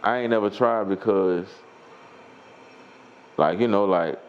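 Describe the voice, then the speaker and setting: A man with a Louisiana accent, a rapper telling a story in a casual interview, animated and given to acting out quotes in a high voice. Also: slow, muffled recording. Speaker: rapper guest.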